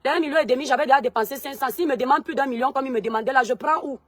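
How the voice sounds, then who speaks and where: A woman, telling a personal story straight to her followers in an animated way. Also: high voice, very fast, dry recording. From Cameroon. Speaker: vlogger. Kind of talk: personal testimony to viewers.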